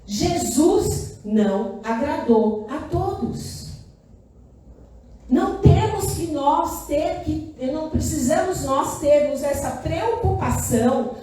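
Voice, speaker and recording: A high-pitched woman pastor preaches with lively repetition, checking in with her congregation again and again. Her voice rings through a very echoey church room. She sounds distant from the microphone, with faint noise underneath. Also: slow pace. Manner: animated, asks the congregation "Amém?" often; emphatic repetition of short phrases. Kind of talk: sermon. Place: church hall.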